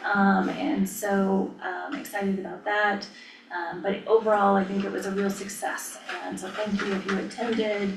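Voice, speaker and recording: An American woman, a staff official, giving informal updates at a public meeting with hesitant, halting phrasing. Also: mid-range voice, level tone, over music. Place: indoor public meeting room. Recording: echoey room, distant mic, faint noise.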